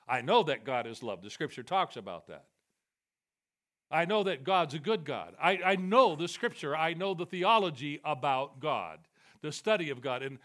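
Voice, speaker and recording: A male preacher giving a sermon to a congregation, animated and self-deprecating, switching between loud emphatic bursts and quiet confessional asides. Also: a little high. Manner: animated and self-deprecating, quoting God and Jesus in a raised voice. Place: church, before a live congregation.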